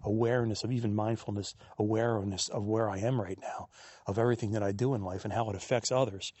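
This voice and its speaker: A man with a low, raspy voice thinks aloud in a soft, musing monologue as he walks a quiet trail. He speaks into a handheld digital recorder held close, and the sound stays dry with no room around it. The tone is unhurried and reflective. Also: steady tone, no echo. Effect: captured on a handheld digital recorder. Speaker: podcast host. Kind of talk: reflective solo monologue on a walk. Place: outdoors on a quiet wooded trail in a state park. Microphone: handheld digital recorder without windscreen.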